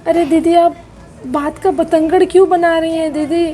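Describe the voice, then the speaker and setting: Woman doing a gentle pleading mother. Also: very high-pitched, steady tone, normal speed, a little hiss or hum, poor audio. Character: gentle middle-aged mother, peacemaker. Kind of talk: doll-play soap drama.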